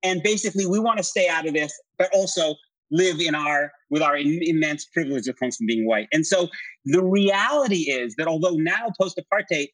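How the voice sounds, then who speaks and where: A writer and commentator, interviewed as a guest, explains politics and history in an articulate, discursive, emphatic conversational manner. His voice is a little high and a bit bright, and he speaks briskly on a dry, rough recording.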